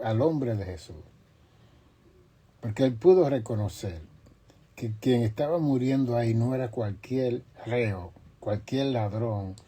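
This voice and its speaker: A male pastor delivers a sermon in measured, deliberate phrases, pausing often and lifting his voice to stress quoted lines. His tone is deep and dark, with a slightly husky edge. He speaks at an unhurried pace. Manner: slow, emphatic preaching with long pauses and rising, forceful quotes.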